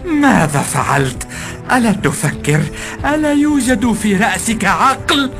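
A man's voice: fairly high pitch, sing-song, moderate pace, voice pushed up. A man voicing an exasperated middle-aged merchant who keeps insisting he is not angry while fuming. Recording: background music.

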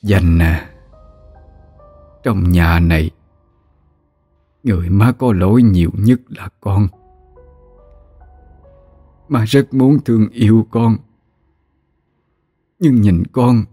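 A man voicing a dying old grandmother in a ghost story, in a soft, weary, slow voice. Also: lowish voice, slightly rough, dry recording. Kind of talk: audiobook character reading.

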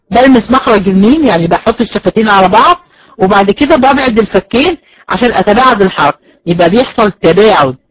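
Egyptian guy teaching recitation, talks quick, sounds out letters, dry recording. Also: high voice, no room sound, low-quality recording. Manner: explains step by step, asks and answers own questions, sounds out letters. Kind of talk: recorded lecture.

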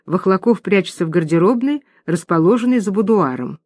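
A woman reading a play aloud, giving the stage directions in an even, clear narrating voice. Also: mid-range voice, brisk, dry recording. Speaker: reader.

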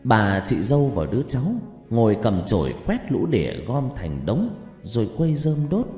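A man narrating a ghost story in an expressive, dramatic way, recorded in an echoey room. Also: mid-range voice, moderate pace, soft background music. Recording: echoey room with long reverb.

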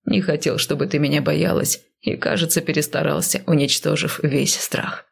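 A hulking man with a gravelly, husky voice that stays low and gentle, with a soft teasing edge, as a woman reading the book lowers her voice for him. He sounds calm and steady, like a storybook warrior who needs no force to be heard. It is an audiobook character read aloud. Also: moderate pace, heavily acted. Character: calm towering man with a mind-touching gift.

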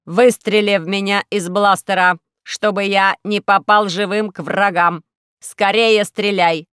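A theatrical male robot, played by a woman narrator in a storybook recording. He declaims loudly and slowly, heavy with self-pity over his own suffering. The sound is dry and close. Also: medium pitch, steady tone, clear, resonant tone, no room sound, lightly acted. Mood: agitated. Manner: loud, slow, solemn declaiming. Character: dramatic male robot who longs to suffer.

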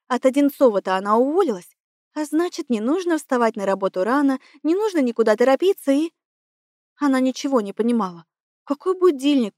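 A woman narrates an audiobook with a measured, expressive reading. Her voice sits high, and the recording is dry and close. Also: no echo. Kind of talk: scripted narration.

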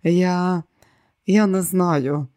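A man voicing a slow, dull-witted, submissive older brother who mumbles listlessly. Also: high-pitched, steady tone, darkish tone.

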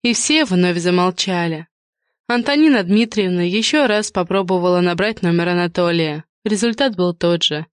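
A woman narrating an audiobook in an even, measured reading. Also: lowish voice, dry recording, studio quality. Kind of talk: scripted narration.

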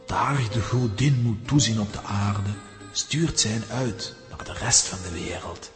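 In this Dutch-language children's audio drama, a man with a natural, lowish voice voices the head lama of a mountain monastery, grave and wise, recounting a mountain legend slowly and formally. Music plays behind him, and the long hall carries plenty of reverb.

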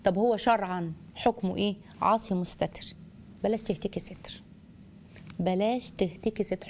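A woman with an Egyptian Arabic accent giving a religious advice lecture to wives, animated, asking rhetorical questions and calling her listeners daughters. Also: mid-range voice, slight background noise. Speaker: Islamic family lecturer.

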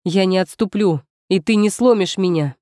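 A woman's voice: medium pitch, moderate pace, dry recording, studio quality, lightly acted. A woman voicing a fierce, defiant young heroine in a first-person story, speaking with barely held fury. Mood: furious. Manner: furious, forceful.

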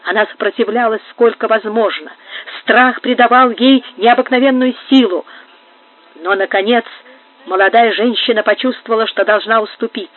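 A woman's voice: a little high, normal speed. A woman reading a period novel aloud as an audiobook, telling it dramatically. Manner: dramatic storytelling. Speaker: audiobook reader. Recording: tinny phone-like sound.

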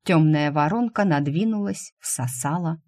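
A woman narrating a fantasy audiobook in an expressive reading voice. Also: low-pitched, unhurried. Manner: expressive reading, voicing the characters.

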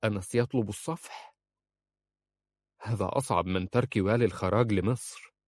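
A man voicing an anguished, passionate young wife, quietly intense and pained. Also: low voice, fairly even intonation, moderate pace, no echo. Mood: mocking.

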